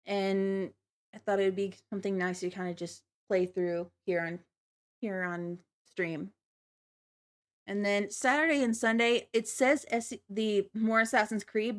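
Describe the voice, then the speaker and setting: A woman livestreamer chatting casually to viewers, with a giggly, apologetic and slightly nervous manner. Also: medium pitch. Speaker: livestreamer, virtual avatar host.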